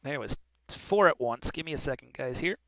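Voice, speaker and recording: A man's voice: mid-range voice, expressive, moderate pace, crowd noise. A man working as an air traffic controller, giving clipped formal instructions with occasional informal asides. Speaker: air traffic controller in online flight simulation.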